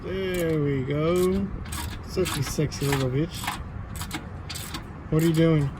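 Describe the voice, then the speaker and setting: A man's voice: fairly high pitch, takes it slowly. A man bantering casually in teasing, slangy, sweary frat-bro talk as a friend helping out on a car vlog. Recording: loud car and tool noise, handheld camera.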